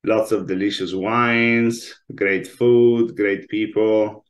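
The speaker is a chef in his forties from Italy, Italian-accented, joining a casual interview by video call from a room at home. His fairly low voice is steady and slow, captured by a laptop mic.

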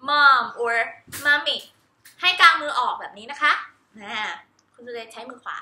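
A woman's voice: fairly high pitch, lively intonation, a little fast, sharp tone, roomy sound. A woman teacher giving a cheerful lesson on baby sign language, demonstrating each sign while repeating English words. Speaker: homeschool teacher.

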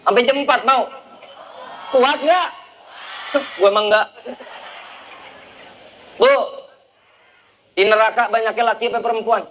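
A male preacher, giving a lively sermon and teasing the congregation with quick questions. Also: extremely high pitch, slight background noise, low-quality recording.

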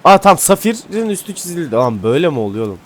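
A man giving casual gameplay commentary, excitable and swearing casually, then dropping to mumbling asides. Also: on the high side, very fast, a little hiss or hum. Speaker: gaming YouTuber. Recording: faint music behind.

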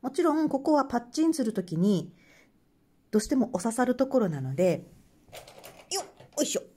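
A woman's voice: a little high, sing-song, brisk, dark tone, slightly rough. A woman with a Hokkaido Japanese accent, hosting a craft channel and chatting casually while she works, laughing often and murmuring to herself. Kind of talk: casual craft tutorial chat.

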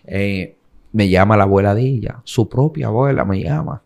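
A man's voice: fairly low pitch, moderate pace, vocal fry. A young man with a Dominican accent from the Cibao region, telling his story as an interview guest and acting out what others said. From Dominican Republic. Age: young adult. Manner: animated retelling, acting out the voices of others in quotes.

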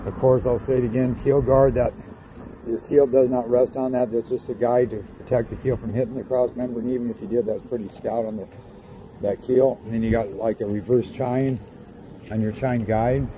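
Man, mid-pitched, casual boat walkaround outdoors, street noise behind, lists specs plainly. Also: steady tone, moderate pace, mellow, rough recording. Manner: plain-spoken, rattles off specs and part names. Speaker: boat inspector walking through a boat.

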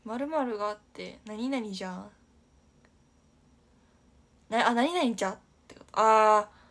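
A woman's voice: medium pitch, takes it slowly, a bit bright. A young woman from Aichi hosting a casual livestream, chatty and giggly, reading viewer comments aloud and often dropping to a near-whisper. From Aichi, Japan. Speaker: idol livestream host.

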